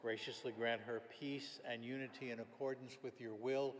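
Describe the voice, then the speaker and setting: A man serving as priest, reciting the prayers of the Mass in a solemn, measured way, his voice ringing in a cathedral echo. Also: mid-range voice, fairly even intonation. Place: large church. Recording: long church reverb, faint room noise.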